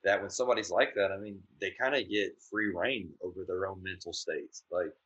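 Male co-host, bright tone, rambly casual chatter. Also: deep voice, fairly quick, muffled recording. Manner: rambling, filler-heavy, restarts sentences. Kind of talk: casual chat.

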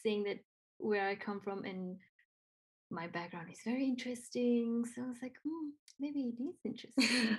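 This woman from Nepal has a slightly high, breathy-edged voice and a normal speed. In casual conversation she speaks English with a Nepali accent, sounding earnest and encouraging, full of ums and repeated phrases.

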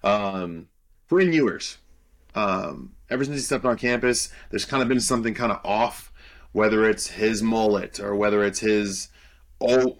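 A man's voice: on the low side, a bit bright. A young man co-hosting a sports podcast, breaking down players in loose, confident casual chat full of "um" fillers. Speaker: podcast co-host and college football analyst.

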